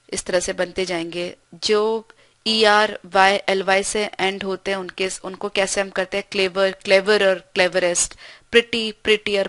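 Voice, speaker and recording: Female grammar tutor, mid pitch, patient and explanatory, recorded dry and close. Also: a bit bright, dry recording. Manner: explains patiently, reads example sentences slowly; frequent checking "ठीक है". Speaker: English grammar teacher.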